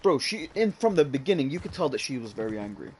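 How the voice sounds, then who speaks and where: A man's voice: medium pitch, big pitch swings, quick pace, a little mellow, slight background noise. A young man casually telling a long story about an online game, rambling with lots of fillers and calling the listener "bro". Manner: rambling, fillers like "what's it called", says "bro".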